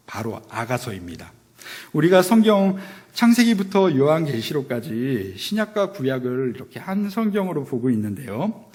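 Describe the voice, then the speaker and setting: A man's voice: fairly high pitch, a little mellow. A man in his thirties giving a sermon to young adults, telling stories in a casual, self-deprecating way. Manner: conversational storytelling, self-deprecating. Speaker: pastor.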